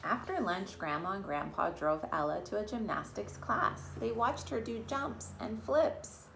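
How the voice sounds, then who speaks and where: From home, a woman who is a yoga teacher and storytime host reads a picture book aloud in a virtual storytime, speaking directly to the young children and calling them her friends. Her mid-range voice is gravelly and unhurried with lively intonation, with background noise in the recording.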